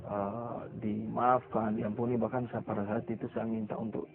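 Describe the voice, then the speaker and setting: A man's voice: lowish voice, flat delivery, moderate pace. A middle-aged man giving an earnest, confessional personal testimony in an interview. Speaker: testimony speaker. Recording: tinny phone-like sound.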